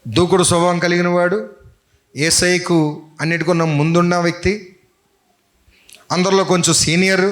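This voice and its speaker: High-voiced man preaching to a congregation. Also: a bit bright. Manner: quizzes the congregation with repeated questions. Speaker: pastor. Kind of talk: interactive sermon. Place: church service. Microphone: handheld mic.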